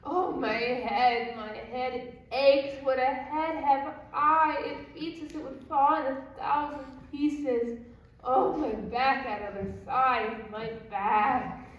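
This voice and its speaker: A woman's voice: sits high, sing-song, muffled recording. A teenage girl acting as a fussy, teasing old nurse who complains of aching bones in a school stage play. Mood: grumbling. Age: teens. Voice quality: teasing, drawn-out complaining delivery. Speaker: student actor. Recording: echoey hall, distant mic.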